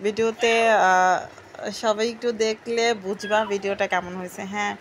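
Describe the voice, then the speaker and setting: A woman's voice: mid-range voice, steady tone, moderate pace, slight background noise. A woman from Bangladesh, chatting casually to her viewers while sorting groceries at home. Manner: chatty, addresses viewers as friends. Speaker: home vlogger. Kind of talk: casual home vlog narration.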